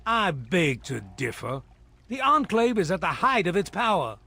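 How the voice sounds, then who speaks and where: A man playing a stern, proud military villain officer in a video game, speaking in a formal, deliberate, haughty way. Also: high-pitched, big pitch swings, gravelly, sharp tone, husky, heavily acted. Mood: proud, defiant. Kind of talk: dramatic video game dialogue.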